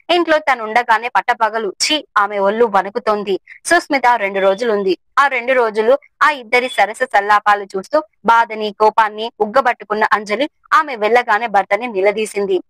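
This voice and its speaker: A woman narrating a scripted story in a steady, expressive reading. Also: mid-range voice, no room sound, poor audio.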